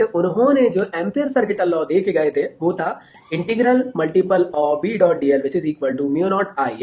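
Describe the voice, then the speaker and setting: A man teaching physics in a lively exam-prep lecture, playful and joking, acting out scientists in funny voices. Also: high voice.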